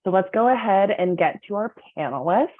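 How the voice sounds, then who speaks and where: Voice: medium pitch, lively intonation, fairly quick. A moderator calling on panelists one by one over a video call, friendly and organized. The sound is narrow and phone-like. There is almost no room echo. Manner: friendly, organized, guides speakers in turn. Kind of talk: hosting a webinar panel.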